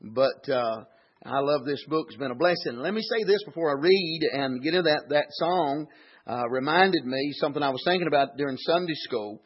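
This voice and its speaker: A man's voice: fairly high pitch, lively intonation, moderate pace, slightly rough, highs cut off. A man preaching a sermon in an old-time cadence, dropping frequent amens. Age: 40s. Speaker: pastor.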